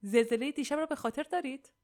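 A glib, boastful architect, voiced by a woman reading a story. He is a pushy man of action, selling with smooth, self-assured patter and barely shifting from the reader's own voice. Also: sits high, a little mellow, voice pushed up, natural voice. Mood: confident, selling.

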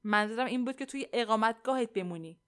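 A woman's voice: fairly high pitch, a bit bright, lightly acted. A woman voicing a stern old colonel giving orders. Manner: firm, authoritative orders. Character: stern older male army colonel, commanding. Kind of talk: audiobook character voice.

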